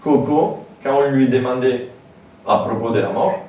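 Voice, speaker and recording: A man's voice: medium pitch, a little slow, a little mellow, lo-fi sound. A man giving a public lecture in a hall, informal and hesitant, with many fillers and asides. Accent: French with a foreign lilt. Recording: very echoey hall, distant mic, faint noise.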